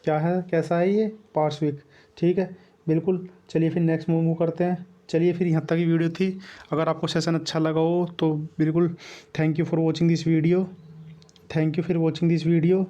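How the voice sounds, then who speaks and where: A man's voice: on the high side, little pitch movement, normal speed, dark tone, lo-fi sound. A young man teaching an exam-prep grammar lesson, repeating points and sounding out letters over and over. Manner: repetitive, coaxing, drills sounds aloud.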